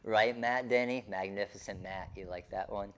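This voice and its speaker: A man's voice: fairly low pitch, fairly even intonation, moderate pace, clear, resonant tone. A man hosting a craft live stream, chatting casually and informally with his viewers.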